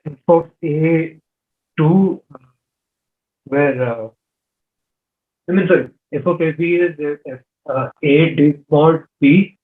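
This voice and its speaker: A man speaking over a choppy video call whose audio keeps breaking up. The line is thin and phone-like, and his voice sits a little high. He hesitates, restarts and says sorry as he works through an answer. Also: takes it slowly, pauses often. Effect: voice cutting out over a bad call connection. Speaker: student. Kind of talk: answering in an online class.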